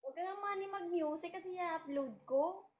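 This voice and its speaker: A woman's voice: extremely high pitch, normal speed. A woman, filming at home and insistently repeating herself to her husband. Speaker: wife filming the video. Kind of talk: casual bickering banter.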